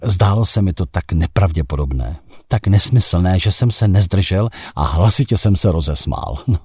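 A man narrating a first-person literary story in a measured, reflective way that turns dramatic in heated passages. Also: sits low, expressive, warm tone, slightly rough, dry recording, studio quality.

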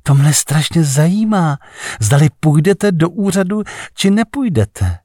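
A man's voice: a little high, very animated, a little mellow, no echo, clean studio sound, voice pushed up. A man voicing a cool, mocking, self-assured woman in a story reading, asking provocative questions.

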